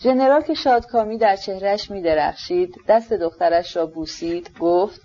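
A woman reads a novel aloud in a measured, even storytelling manner. Her voice is mellow and dark-toned. The audiobook recording sounds dull and lo-fi. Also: mid-range voice. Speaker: audiobook narrator. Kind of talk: scripted literary narration.

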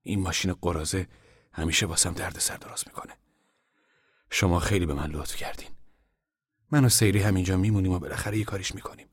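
A man voicing a humble, apologetic traveler who speaks softly in an audiobook reading. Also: deep voice, long pauses, breathy edge. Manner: soft, hushed. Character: apologetic, humble man, weary and soft-spoken. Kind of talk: audiobook character voice.

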